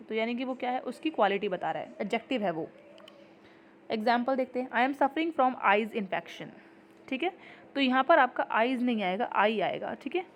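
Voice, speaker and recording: Woman, grammar teacher, patient explanations, slow example sentences, somewhat high pitch. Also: slight background noise. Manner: explains patiently, repeating "ठीक है" and reading example sentences slowly. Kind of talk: exam-prep grammar lesson.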